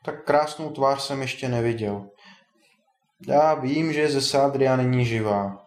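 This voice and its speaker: A man voicing a timid, lovesick young male dwarf who speaks slowly and wonders aloud. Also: mid-range voice, natural voice. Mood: puzzled. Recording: roomy echo.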